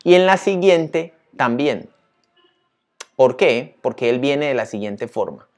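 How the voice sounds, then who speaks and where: Guy teacher, chatty and upbeat, keeps asking the viewer stuff, mid-pitched voice. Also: slow pace, soft background music. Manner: lively, chatty, asks the viewer questions often. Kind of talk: screen-share tutorial.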